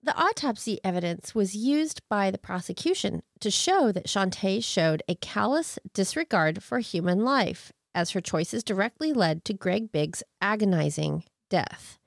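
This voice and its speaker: A woman's voice: medium pitch, expressive, unhurried, gravelly, hardly any pauses, no room sound, clean studio sound. A woman co-hosting a true crime podcast, moving between narration and incredulous, sardonic casual commentary. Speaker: podcast co-host.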